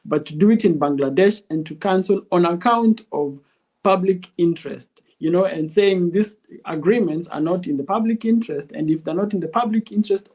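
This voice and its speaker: Interview guest, male, Kenyan accent, fairly high voice, methodical explainer who restates key phrases. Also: dark tone. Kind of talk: interview answers explaining legal arguments.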